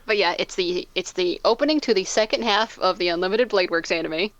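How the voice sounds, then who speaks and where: A young woman co-hosting a casual podcast, relaxed and giggly with dry jokes. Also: medium pitch, fairly quick, highs cut off. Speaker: podcast co-host. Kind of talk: casual chat.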